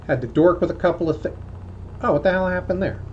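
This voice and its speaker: A man's voice: high voice, fast talker, darkish tone. A man flying a small plane, heard through a cockpit headset, thinking aloud in a hesitant, self-deprecating way between radio calls to air traffic control. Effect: heard through a cockpit headset intercom. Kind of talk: casual vlog narration mixed with radio calls. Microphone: aviation headset mic. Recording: muffled cockpit audio with faint engine hum.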